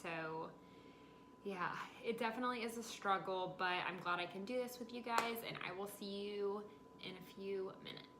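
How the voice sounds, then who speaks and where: In an echoey home kitchen with clear background noise, a twenty-something woman vlogs casually to a nearby camera or phone, explaining step by step. She is somewhat tired as she recovers from dental surgery, and her mid-range voice moves at a moderate pace.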